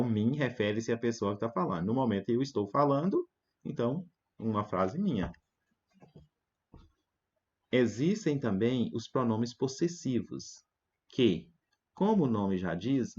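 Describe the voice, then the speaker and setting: A man's voice: mid-range voice, a little mellow, lo-fi sound. A man with a Brazilian Portuguese accent, a teacher patiently explaining grammar to schoolchildren, asking "né?" often. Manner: patient, repeats words slowly and asks "né?" often. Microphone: desk setup with digital pen tablet.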